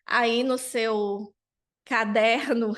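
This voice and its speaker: A woman with a high voice teaches at an unhurried pace. She explains patiently, keeps checking in with her students, and stretches out each model sound. Clear classroom delivery. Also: steady tone. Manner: slowly drawn-out model pronunciations. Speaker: French teacher. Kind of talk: online language lesson.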